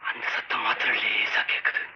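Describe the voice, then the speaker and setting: An actor playing a boastful, scheming young would-be film director in a 1960s film comedy, switching between shouting and hushed storytelling. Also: on the low side, level tone, fairly quick, lightly acted. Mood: spooky hushed. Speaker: aspiring film director, son. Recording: lo-fi old film soundtrack with faint hiss.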